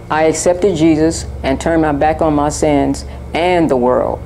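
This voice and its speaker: A woman's voice: deep voice, mellow. A woman narrating a scripted introduction in an earnest, solemn, warning tone.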